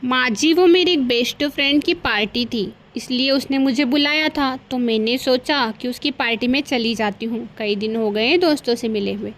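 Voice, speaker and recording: A woman's voice: a little high, normal speed, hardly any pauses, a bit bright, slight background noise, lightly acted. A woman voicing a naive young daughter-in-law. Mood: polite.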